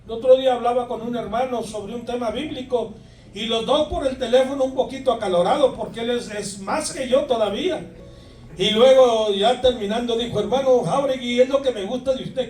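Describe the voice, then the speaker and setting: A man preaching a sermon as pastor, animated and emphatic, with asides to the congregation. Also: extremely high pitch, moderate pace, a little hiss or hum. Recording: echoey room, far from the mic, music behind.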